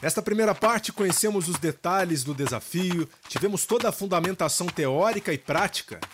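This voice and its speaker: A man's voice: high voice, expressive, a little fast, noisy background. A man with a Brazilian Portuguese accent hosting a podcast, narrating in an upbeat, announcer-like way. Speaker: podcast host. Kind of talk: scripted narration.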